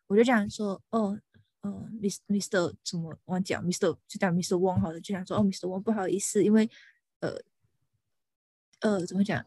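A young woman lawyer venting about work in a casual podcast chat, animated and dropping English words into her talk. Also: medium pitch, moderate pace, husky, no echo.

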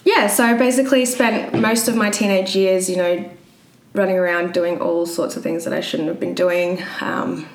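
Woman, 20s, Queensland Australian accent, slightly low pitch, hesitant casual storytelling, roomy recording with some noise. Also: steady tone, normal speed, creaky. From Brisbane, Australia. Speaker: interview guest. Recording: roomy echo, audible background noise.

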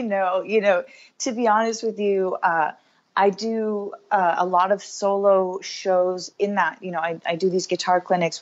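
In a casual interview, a woman in her thirties appears as a guest musician, chatting in an upbeat way and using plenty of fillers. Her voice is mid-range, and the recording has its high frequencies cut off.

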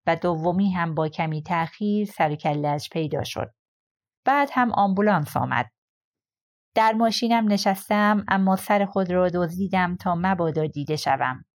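Woman, audiobook narrator, crime novel, measured delivery, lowish voice. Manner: measured, steady storytelling. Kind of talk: scripted narration.

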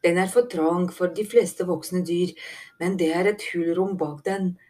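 A woman reading aloud plays a quick-witted young male mole who takes charge and calls out commands. The voice sits a little low and mellow, lifted and loud when he warns the others. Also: fairly even intonation, close to an everyday voice. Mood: earnest. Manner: urgent calls, raised voice.

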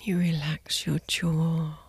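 A woman guiding a sleep meditation in a soft, soothing spa-like whisper, gently and in short, unhurried phrases. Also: low voice, flat delivery, slightly rough, no room sound. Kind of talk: guided sleep meditation narration.

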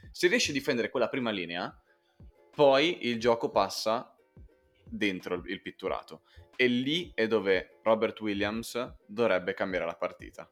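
Emphatic, lower-pitched man chatting sports. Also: fairly bright tone. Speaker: sports podcast host. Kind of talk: casual basketball chat.

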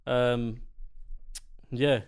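London bloke, roadman slang, average pitch, just chatting on a podcast. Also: little pitch movement, extremely slow, clear, resonant tone. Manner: London roadman slang, saying 'bruv' and 'innit'-type tags. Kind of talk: casual podcast chat.

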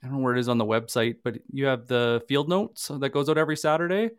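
A man's voice: mid-range voice, steady tone, fast, clear, resonant tone, dry recording, clean studio sound. A man from Canada co-hosting a live sales workshop and podcast, talking conversationally with everyday examples and the odd stammer. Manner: conversational, uses homely examples, slight stammers. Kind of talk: casual live webinar talk.

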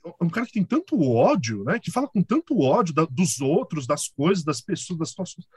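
A Brazilian man chats as a guest, his voice pitched a little high and swinging widely as he tells stories. He has a husky edge and keeps dropping little tag questions. The sound is dry and close. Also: brisk, no echo. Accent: Brazilian Portuguese. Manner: animated storyteller, chuckles often, many filler tags. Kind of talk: casual conversation.

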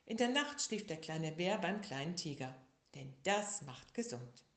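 A woman reading a children's story aloud in a slow, lively, expressive way. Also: fairly low pitch. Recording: echoey room.

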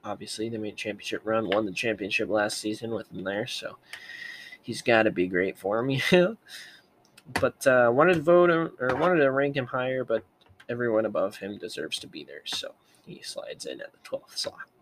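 Low-voiced man rambling about rankings. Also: lively intonation, normal speed, a little hiss or hum. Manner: rambling, self-correcting, thinking aloud. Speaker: sports video host. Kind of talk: casual commentary.

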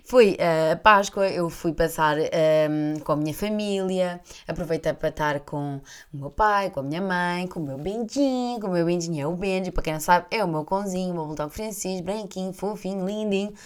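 Young portuguese woman chatting, lower voice, laughs a lot, does little voices in her stories. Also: moderate pace, hardly any pauses, smooth. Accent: European Portuguese. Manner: animated, laughs often, acts out voices in her anecdotes. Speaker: podcast host. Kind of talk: casual storytelling chat.

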